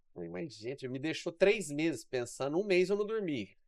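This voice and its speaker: A man's voice: on the high side, expressive, normal speed, darkish tone. A man with a Mineiro Brazilian accent, chatting casually on a podcast as an exercise science guest and telling stories full of acted-out quoted dialogue. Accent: Mineiro Brazilian Portuguese.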